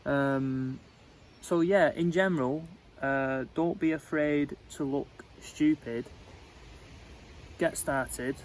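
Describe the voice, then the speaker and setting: A man vlogging casually about his cottage renovation, rambling and halting with lots of fillers, outdoors at his building site. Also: on the high side, poor audio. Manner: rambling and halting, with many fillers, self-described as muddling his words. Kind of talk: casual chat to camera.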